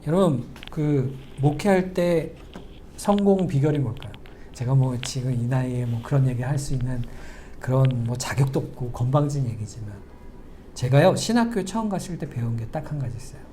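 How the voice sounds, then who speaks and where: In a church sanctuary, a middle-aged male pastor delivers a sermon conversationally, posing questions to the congregation and slowing to a near whisper for emphasis. His medium-pitched voice is animated and dark-toned, with a little hiss or hum in the audio.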